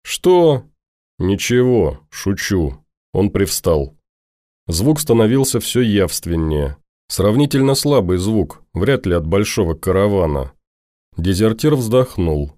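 A man reads a story aloud in a low, dark, mellow voice. His delivery is steady and even. The recording is close and dry. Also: unhurried, no room sound. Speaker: audiobook narrator. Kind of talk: scripted narration.

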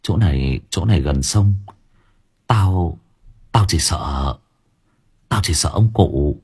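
Man puts on anxious young villager, low hushed halting delivery, husky. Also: lively intonation, heavily acted. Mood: hesitant, fearful. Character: worried young village man, the friend Phúc.

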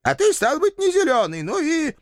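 A man reading an audiobook, voicing a cantankerous old village landlady who scolds and threatens in a shrill, creaky old-woman voice. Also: huge pitch swings, moderate pace, no room sound, studio quality, full character voice. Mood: scolding.

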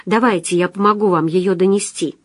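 A woman's voice: lowish voice, fairly even intonation, fairly quick, no room sound, studio quality, close to an everyday voice. A woman narrator voicing a shy, awkward young man in his twenties who speaks hesitantly. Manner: hesitant and flustered.

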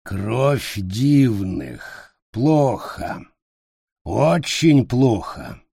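A man voicing a gruff, dim male forest dwarf who speaks slowly and haltingly, in broken phrases, as if words were foreign to him. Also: mid-range voice, big pitch swings, warm tone, no room sound, studio quality, exaggerated voice. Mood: grumbling. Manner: slow halting broken speech.

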